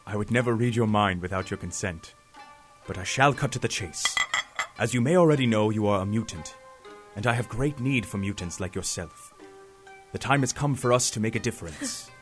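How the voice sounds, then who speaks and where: A man playing a grave, persuasive professor in an audio drama, measured, formal and earnest. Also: fairly low pitch, faint music behind, natural voice. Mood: firm, diplomatic. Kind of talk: scripted audio drama acting.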